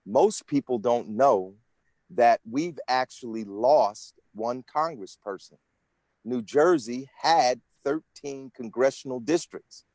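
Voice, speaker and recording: A man's voice: mid-range voice, takes it slowly, a little mellow, no echo. A man in his sixties, an interview guest from the United States, answering questions in an earnest, explanatory way with frequent restarts. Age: 60s. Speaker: interview guest, senate candidate.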